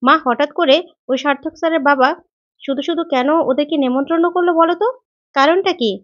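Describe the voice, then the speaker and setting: A woman's voice: high voice, a little fast, no echo, pitched above the performer's own voice, lightly acted. A woman voicing a nosy, suspicious married daughter who asks prying, complaining questions. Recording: dull, lo-fi recording.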